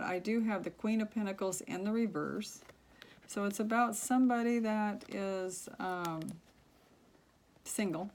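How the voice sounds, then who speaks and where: A soft-spoken woman giving a tarot reading, talking low and halting with many fillers. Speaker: tarot reader.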